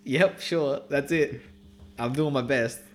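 A man's voice: medium pitch, takes it slowly. A young man co-hosting a casual podcast chat, joking and self-mocking. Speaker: podcast co-host.

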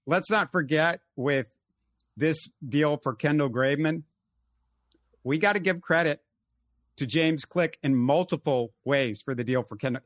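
A man hosting a casual sports talk show, animated and full of fillers. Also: fairly high pitch, measured pace, no room sound. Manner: animated, talks in bursts with fillers. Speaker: podcast host.

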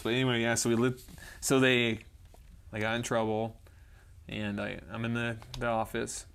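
An animated man tells stories on a casual podcast and slips into voices for the people in them. His pitch sits in the ordinary middle range for a man, and he often laughs partway through a story. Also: gravelly. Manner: animated, acts out other people's lines in quoted voices. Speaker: podcast co-host.

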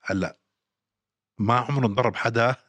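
A man's voice: mid-range voice, steady tone, moderate pace, fairly bright tone, no echo. A man, co-hosting a casual sports podcast and emphatically repeating his points. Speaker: podcast co-host.

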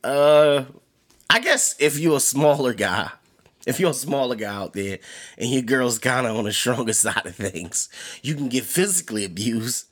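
A man's voice: medium pitch, animated, moderate pace, a bit bright. A man hosting a casual chat show, talking in a laid-back, slangy way and laughing often. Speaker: podcast host.

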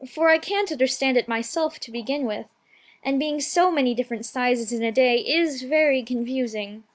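A man's voice: very high voice, moderate pace, voice pushed up. A man voicing a polite, anxious little girl in a storybook, with a shy and hesitant way of talking. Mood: shy, confused. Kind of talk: storybook character voice.

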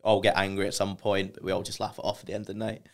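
A young man co-hosting a podcast, relaxed and quick to chime in with agreement. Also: low-pitched. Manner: relaxed, frequent agreeing interjections. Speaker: podcast co-host. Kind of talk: casual chat.

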